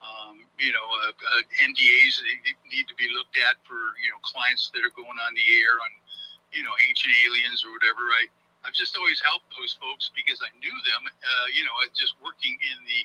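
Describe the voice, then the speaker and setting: An older man, a guest heard over a speakerphone, answering interview questions in a halting way with many ums and uhs. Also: mid-range voice, bright, forceful tone, slightly rough, low-quality recording. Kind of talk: casual interview talk.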